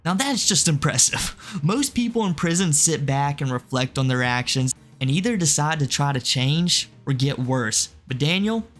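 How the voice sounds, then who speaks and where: A man's voice: a little high, animated, moderate pace, few pauses, a bit bright, soft background music. A man hosting video commentary in a sarcastic, mocking way. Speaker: commentary host.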